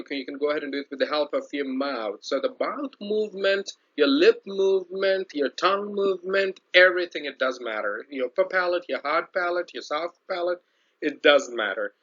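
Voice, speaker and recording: A man's voice: on the high side, bright, forceful tone. A man explaining tips as an online English teacher, talking patiently, restarting phrases and repeating his main points. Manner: explains slowly with many fillers and restarts; instructive, repeats key points. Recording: dull lo-fi sound.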